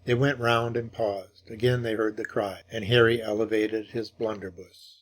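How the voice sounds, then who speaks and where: A man narrating a classic ghost story in measured, dramatic audiobook style. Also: on the low side, flat delivery.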